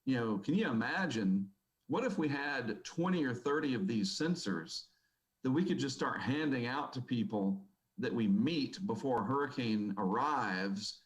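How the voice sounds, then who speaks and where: A man's voice: medium pitch, lively intonation, unhurried, poor audio. A man speaking at a conference, telling a story in a casual, rambling way with many fillers. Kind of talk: presentation talk. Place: conference hall.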